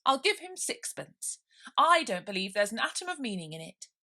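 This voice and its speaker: A woman's voice: on the high side, sing-song, normal speed, pushed and bright, voice pushed up, full character voice. A woman voicing a bold, indignant young storybook girl who argues back in a defiant, matter-of-fact way.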